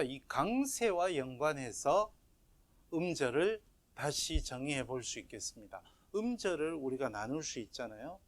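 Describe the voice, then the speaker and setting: A middle-aged man teaching a grammar lecture online, patient and checking in with his listeners as he explains. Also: a little high. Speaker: professor teaching Biblical Hebrew.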